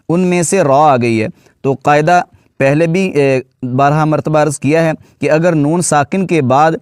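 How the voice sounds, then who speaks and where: Male reading teacher with a high voice, patient and explanatory, spelling words out letter by letter. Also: clean tone, no room sound, clean studio sound. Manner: adds a polite "ji" to his phrases. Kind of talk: tajweed lesson.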